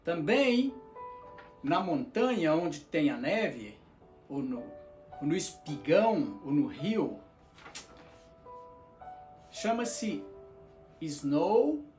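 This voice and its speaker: A man's voice: fairly high pitch, sing-song, darkish tone. A man teaching vocabulary in a bilingual lesson, repeating each word and checking in with "ok?". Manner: repeats words slowly, checks in with "ok?". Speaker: language teacher. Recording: roomy echo, faint guitar music.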